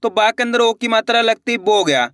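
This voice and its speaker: A man's voice: extremely high pitch, moderate pace, fairly bright tone. A man teaching Hindi reading, sounding out each letter and then blending it into the word, and checking with his viewers that they follow. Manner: addresses viewers as friends, asks if it is clear. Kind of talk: slow syllable-by-syllable reading lesson.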